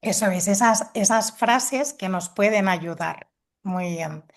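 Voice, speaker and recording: Give me a woman explaining assertiveness patiently, middle-pitched. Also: slow pace. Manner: patient, explanatory, acts out dialogue examples. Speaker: guest expert on assertiveness. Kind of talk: explanatory talk with acted examples.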